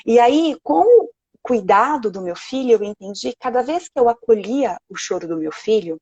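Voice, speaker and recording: A woman with a Brazilian Portuguese accent, a sleep consultant speaking gently and reassuringly on a live video call. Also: fairly high pitch, lively intonation, moderate pace, slightly rough, dry recording, dull audio.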